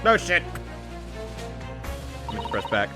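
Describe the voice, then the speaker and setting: Game player chatting over loud game music. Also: mid-range voice, big pitch swings, slow. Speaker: video game player and reader. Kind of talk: let's play commentary, reading game dialogue aloud in character voices.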